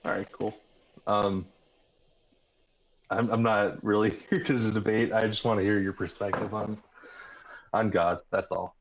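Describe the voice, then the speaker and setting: A man calling in to a live stream on speakerphone, talking in a casual, halting way. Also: on the low side, level tone. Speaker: caller. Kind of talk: casual chat. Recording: muffled speakerphone line with noise.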